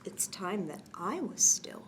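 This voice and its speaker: A woman leads a bedtime storytime for kids, reading a picture book with gentle expression, tossing in casual asides and often sinking to a near-whisper. Her voice is mid-range with wide pitch swings and a measured pace, and the background is noisy.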